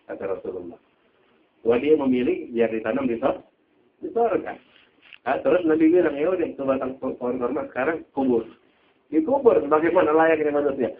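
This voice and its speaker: Man, preacher, storytelling sermon, high-ish voice, animated swings, thin phone-like sound. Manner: animated, swinging between high exclamations and low asides.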